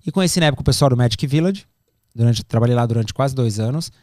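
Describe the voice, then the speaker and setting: A middle-aged Brazilian man telling stories in a casual podcast chat, animated and acting out quoted dialogue. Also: mid-range voice, fast, no room sound, clean studio sound. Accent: Brazilian Portuguese. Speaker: podcast guest. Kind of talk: casual storytelling.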